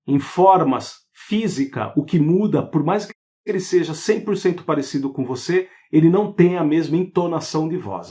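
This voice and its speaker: Animated man giving a live talk. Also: a little high. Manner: animated, rhetorical questions, frequent "entendeu?". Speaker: spiritual therapy host.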